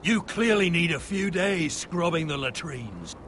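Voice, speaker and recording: A man's voice: fairly high pitch, expressive, measured pace, fairly bright tone, a little hiss or hum. A man playing a stern military training commander in a video game, scolding with authority.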